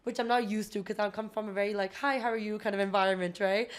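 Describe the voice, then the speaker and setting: Brief: young Canadian-accented woman, quick earnest guest, many fillers, mid pitch. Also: steady tone, smooth. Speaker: physiotherapist guest. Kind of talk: casual interview talk.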